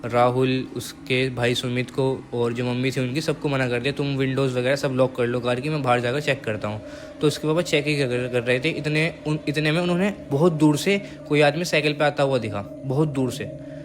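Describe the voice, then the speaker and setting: A young man casually telling a horror story, repeating phrases for suspense and dropping his voice to a hush. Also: mid-range voice, moderate pace, slight background noise.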